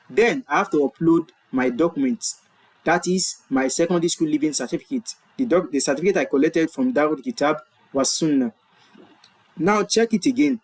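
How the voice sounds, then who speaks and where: A Nigerian man, a native Yoruba speaker, patiently walks viewers through an online form in a screen-share tutorial, repeating points and correcting himself along the way. His voice is a little high and slightly rough, picked up by a webcam in the corner of the recording.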